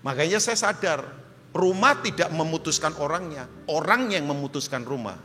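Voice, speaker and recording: A middle-aged man preaching a sermon as pastor, joking and swinging from loud shouts to quiet asides. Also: on the high side, lively intonation, normal speed, faint music behind. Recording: reverberant church hall.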